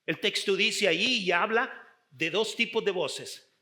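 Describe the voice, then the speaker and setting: Male pastor preaching, middle-aged, high voice, very bright tone, slow deliberate delivery, emphatic swells. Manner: emphatic, drawn-out preaching with sudden shifts in loudness. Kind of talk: sermon.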